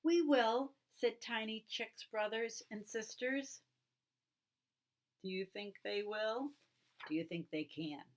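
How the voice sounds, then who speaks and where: A woman teacher reading a children's picture book aloud in an expressive storytelling way. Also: mid-range voice, takes it slowly, long pauses.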